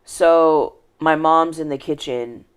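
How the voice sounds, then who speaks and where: A woman's voice: deep voice, takes it slowly, smooth. A woman telling her personal life story in an interview, earnest and reflective, often trailing off and restarting her sentences. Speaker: podcast guest.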